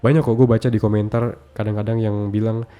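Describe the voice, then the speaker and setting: A man talks to camera in a relaxed, slangy advice monologue, addressing the viewer directly. His voice sits fairly low and has a dark, mellow tone. He stacks his points in quick, short phrases. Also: clean tone. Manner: speaks straight to the viewer in slangy, casual address; lists points one after another in short phrases. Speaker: self-improvement content creator. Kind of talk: casual talking-head advice monologue.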